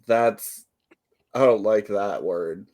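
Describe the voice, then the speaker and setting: In casual podcast chat, this co-host takes things slowly in a fairly low, darkish voice. He rambles, runs himself down, and often breaks into laughter.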